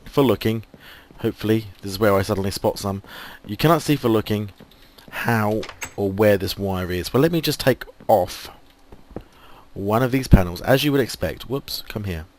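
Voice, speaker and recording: Losing his voice, an English gaming host offers relaxed let's play commentary, thinking aloud with frequent ums. He speaks at a normal speed in a lowish, slightly mellow voice, over a slight hiss or hum.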